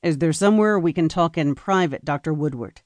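A woman's voice: low voice, brisk, darkish tone, no room sound, natural voice. A woman voicing a stern, dutiful male military lieutenant who speaks in a clipped, formal way. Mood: firm.

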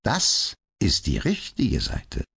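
A man's voice: deep voice, huge pitch swings, takes it slowly, vocal fry, bright, forceful tone, slightly rough, exaggerated voice. A man reading an audiobook, voicing the ironic, cool detective Sherlock Holmes with a raised, mocking tone. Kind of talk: audiobook character voice.

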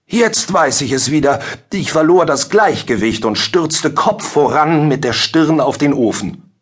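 A man's voice: on the high side, lively intonation, unhurried, breathy edge, pitched above the performer's own voice. A man voicing a flustered, sly old village judge who blusters and dodges questions. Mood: grumbling. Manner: blustering, evasive.

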